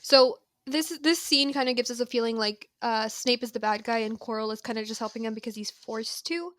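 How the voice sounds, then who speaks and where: A woman's voice: on the high side, a little fast, no echo, clean studio sound. A young woman co-hosting a casual book podcast, animatedly retelling the plot. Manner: animated storyteller who acts out characters' lines. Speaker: podcast co-host.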